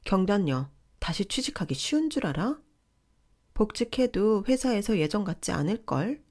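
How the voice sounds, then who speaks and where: Woman doing a bossy shrill sister-in-law, talks down and scolds, radio story style. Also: a little mellow, natural voice. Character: pushy entitled woman, older sister-in-law.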